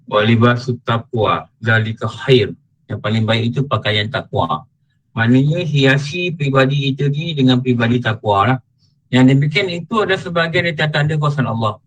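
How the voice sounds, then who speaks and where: A middle-aged man with a Malaysian Malay accent giving an online religious lecture, chanting verses slowly and then explaining them in a casual teaching tone. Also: medium pitch, poor audio.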